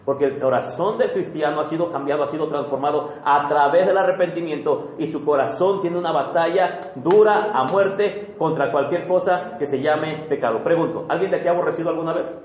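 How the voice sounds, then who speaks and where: Male preacher, high-pitched, chatty questioning sermon, dull roomy church recording. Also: brisk, hardly any pauses, darkish tone. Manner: conversational preaching, asks the congregation questions. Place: church hall.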